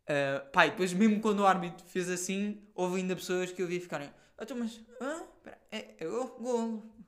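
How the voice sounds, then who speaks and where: Slangy young European Portuguese man. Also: a little high. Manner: animated, slangy storytelling with frequent fillers and swearing. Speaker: podcast host. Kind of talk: casual solo podcast chat.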